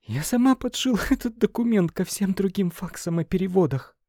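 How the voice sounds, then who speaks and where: A timid young secretary, sobbing and frightened, her voice pushed up very high and thin, as a male storyteller puts her on. She wails each answer in a plaintive, shaky tone, close and dry in an audiobook reading. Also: animated, brisk, a little mellow, dry recording. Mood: tearful, frightened.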